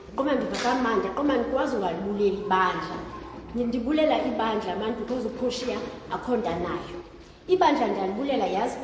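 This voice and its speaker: A woman with a Xhosa accent gives a spontaneous testimony to her congregation. She is halting, repeats the starts of words and slips in English. She sounds far from the microphone in a very reverberant, noisy church hall. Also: on the high side. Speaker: congregation member giving testimony. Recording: distant, very echoey noisy hall.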